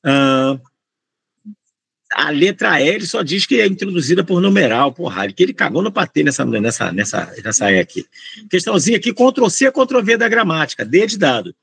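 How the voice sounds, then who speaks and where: A high-voiced Brazilian man with a gravelly, husky edge, swinging his pitch up and down as he works through grammar questions. He speaks in a Brazilian Portuguese accent, in a loose, slangy teaching style full of asides to the class. The sound is dry and close. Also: moderate pace, no echo. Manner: slangy, lively, rambling, addresses students as gente. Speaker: Portuguese tutor for exam candidates. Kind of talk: informal grammar lesson.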